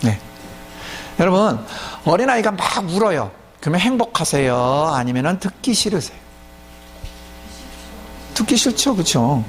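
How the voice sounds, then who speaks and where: A man's voice: sits high, very animated, unhurried, long pauses, slight background noise. A man preaching a sermon as a pastor, often asking his congregation questions and then answering them himself.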